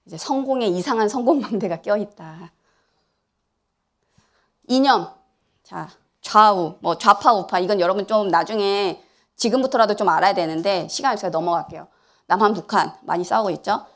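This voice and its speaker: A woman giving an animated lecture at church, asking the audience questions and acting out what people say. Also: mid-range voice, moderate pace, pauses often. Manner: animated, asks the audience questions, acts out quotes. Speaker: church lay speaker. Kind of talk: lively church lecture to youth. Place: church hall.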